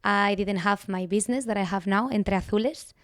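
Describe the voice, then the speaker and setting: A woman from Spain with a strong Spanish accent, telling her story as a guest on a podcast in an earnest, measured way. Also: medium pitch, no room sound, studio quality. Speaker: guest, writer.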